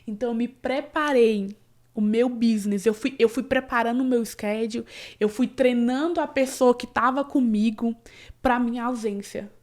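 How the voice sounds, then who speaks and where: A woman tells her own story as an interview guest. Her fairly high voice runs earnest and personal, full of fillers and restarts. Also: moderate pace, a little mellow. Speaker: interview guest, cleaning business owner. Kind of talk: emotional personal story in casual conversation.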